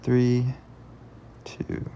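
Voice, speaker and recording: A man hosts a puzzle channel, speaking extremely slowly in a mellow voice against slight background noise. He offers casual commentary while solving, thinking aloud and often muttering or half-whispering as he works things out.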